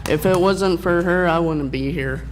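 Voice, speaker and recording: A man's voice: on the high side, a little slow, over loud music. A man in his twenties speaking on a panel, earnest and heartfelt. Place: conference hall. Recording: crowded noisy conference hall.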